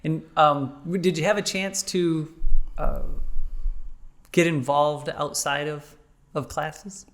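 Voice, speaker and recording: A man, a college president, interviewing a guest on a podcast, asking measured questions with frequent fillers. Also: on the high side, fairly even intonation, fairly bright tone.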